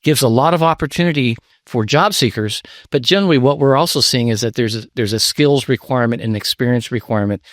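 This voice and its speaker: A man's voice: medium pitch, quick pace, hardly any pauses, fairly bright tone, no echo, clean studio sound. A middle-aged man, a nonprofit CEO, answering interview questions in a businesslike way, listing facts and figures. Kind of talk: conversational interview. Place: studio in Washington, DC.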